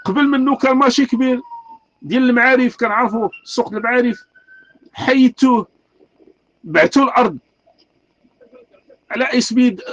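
Fiery, fast-talking Moroccan man ranting. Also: sits high, a bit bright, lo-fi sound. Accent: Moroccan Arabic. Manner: angry, repetitive, rhetorical questions. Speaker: street artist speaking out. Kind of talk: impassioned rant.

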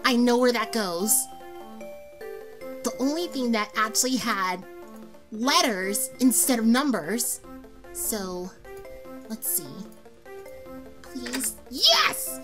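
A woman's voice: on the high side, slow, long pauses, a bit bright, faint music behind. A woman streamer commenting on a horror game and thinking aloud as she plays.

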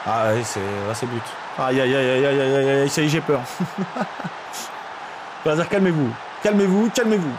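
A young man commentating his own football management game live, swinging from shouts to mutters. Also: medium pitch, measured pace, pauses often, noisy background. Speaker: streamer.

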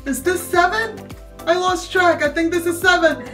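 Mom-style vlog host lady, high bright voice, bit far from the mic, faint music. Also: normal speed. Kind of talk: casual family vlog chat. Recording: slightly distant camera mic, faint music.

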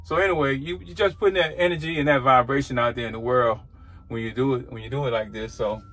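Speaking fast in a mid-range, slightly bright voice with fairly even intonation, this forty-something trucker vlogger rambles earnestly from his cab. He addresses a dashboard camera in a casual, reflective way.

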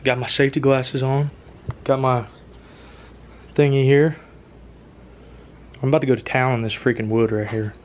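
This casual DIY vlog shows a young man in his home garage talking to a handheld phone camera about building his truck, chatty and self-deprecating as he works. He has a mid-range, steady, slightly mellow voice at a moderate pace with long pauses, and a little hiss or hum is audible.

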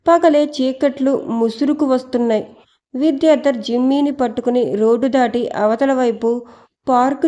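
A woman storyteller reading an audio novel in a steady, expressive style. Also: fairly high pitch, dull audio. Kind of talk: scripted audio novel narration.

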